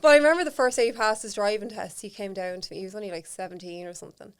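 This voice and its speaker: A woman's voice: mid-range voice, fairly even intonation, quick pace. A woman with an Irish accent, a podcast guest telling personal stories candidly and chattily in casual conversation. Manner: candid, frank storytelling with casual swearing; chatty, lots of fillers like "like".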